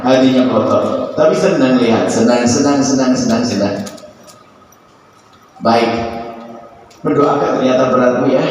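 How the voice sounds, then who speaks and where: A man preaching a sermon to a congregation in a large mosque, animated and acting out the people he describes. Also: medium pitch, a little hiss or hum. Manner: animated, acts out quoted prayers and neighbors. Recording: echoey hall, far from the mic.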